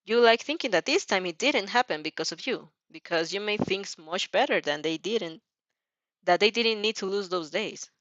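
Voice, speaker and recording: Here the same fan fiction reader narrates at a moderate pace in a medium-pitched voice, giggling and stopping to react. The recording is muffled, with no room sound.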